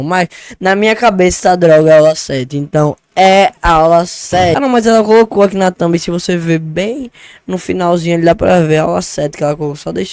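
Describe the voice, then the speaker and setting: A man, a vlogger chatting casually about a language lesson, joking and swearing in quick asides. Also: sits high, a little mellow, clean tone, dry recording. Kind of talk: casual chat. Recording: dry close voice, faint music.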